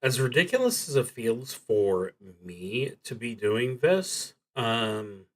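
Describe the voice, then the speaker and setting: Streaming a solo tabletop roleplaying game, a man reads prompts and thinks aloud, halting and hesitant, often trailing off. His mid-range voice is very animated.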